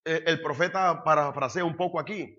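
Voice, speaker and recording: A man preaches in short, clipped phrases, stopping after each one for his interpreter. His voice sits high and sounds sharp and forceful, and it climbs into emphatic bursts. The recording is dull and lo-fi. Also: a little fast. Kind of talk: sermon with live interpreter.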